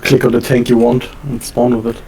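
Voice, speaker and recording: A man's voice: mid-range voice, monotone, fairly quick, vocal fry, warm tone, a little hiss or hum, poor audio. A man chatting and joking with teammates while playing an online game. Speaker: player on voice chat. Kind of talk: casual game chat.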